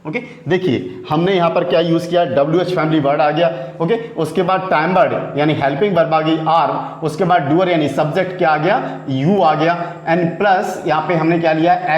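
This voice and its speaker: A man's voice: a little high, lo-fi sound. Echoey Hindi-speaking male teacher. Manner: keeps asking rhetorical questions, repeats key words. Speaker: English teacher. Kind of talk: Hindi grammar lesson, explaining step by step.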